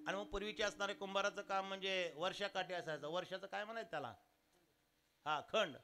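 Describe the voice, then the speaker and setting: A man's voice: high voice, fairly quick. A man with a Marathi accent preaching a devotional kirtan, telling a story and acting out village voices. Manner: animated storyteller, acts out village voices, breaks into sung verses. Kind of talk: devotional sermon storytelling with song. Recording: live outdoor sermon with accompanying music.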